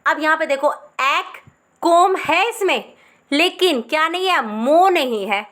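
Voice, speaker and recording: Woman teacher, high voice, slow careful syllable-by-syllable spelling lesson. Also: a bit bright. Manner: slow, syllable-by-syllable dictation of English words.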